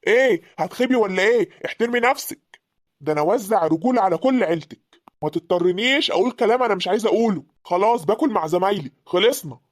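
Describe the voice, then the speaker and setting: A woman's voice: lowish voice, no room sound, clean studio sound, natural voice. A woman voicing an evasive, defensive middle-aged husband in an Egyptian cartoon, speaking with an Egyptian accent. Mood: angry. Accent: Egyptian Arabic. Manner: dismissive, quick to bristle. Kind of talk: cartoon voice acting.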